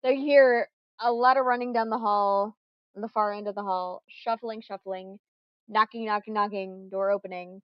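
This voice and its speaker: A young adult woman running a tabletop role-playing game as game master, narrating scenes in a casual, animated way with quick asides. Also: mid-range voice, no echo, lo-fi sound.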